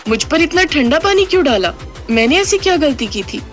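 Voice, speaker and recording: A woman's voice: big pitch swings, brisk, soft background music. A woman voicing a quarrelsome young girl who pleads and whines. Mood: whiny. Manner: high, pleading, whining. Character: quarrelsome young daughter, whiny.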